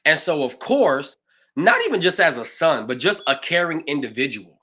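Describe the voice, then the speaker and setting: A man, a pastor hosting a livestreamed conversation, telling his own stories in an animated, expressive way. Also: fairly high pitch, normal speed. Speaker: pastor and show host.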